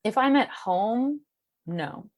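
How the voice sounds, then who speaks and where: A woman chatting casually as a podcast guest, self-deprecating and full of halting restarts. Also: a little high, expressive, no room sound. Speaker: guest, cartoonist and beer educator.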